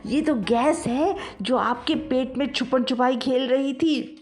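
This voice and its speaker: A woman's voice: high-pitched, voice pushed up, close to an everyday voice. A woman voicing a silly young man playing healer in a comic audio story, cheeky and playful. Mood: pompous.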